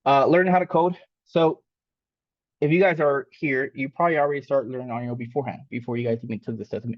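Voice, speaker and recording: A man from Mexico who grew up speaking Spanish talks fast through a live coding lesson, his medium-pitched voice fairly even in intonation. He's casual and rambling, full of fillers and restarts. The recording is lo-fi and dull, with no echo.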